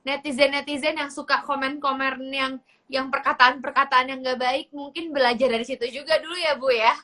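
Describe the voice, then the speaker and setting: A woman's voice: high voice, steady tone, brisk, sharp tone, slight background noise. A woman hosting a casual church talk show, agreeing with her guest and summing up her points. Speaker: host.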